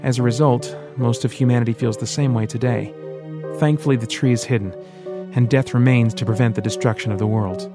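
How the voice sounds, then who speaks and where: A man reads an audiobook in steady, scripted storytelling. His pitch sits in the ordinary middle range, and soft music runs faintly behind him. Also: fairly quick. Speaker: audiobook narrator. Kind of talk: scripted narration.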